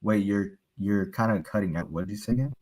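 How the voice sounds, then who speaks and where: Guest role: low-pitched man on a call that cuts in and out, unsure and checking the line. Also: fairly quick, a little mellow. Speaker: podcast guest. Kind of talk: casual chat.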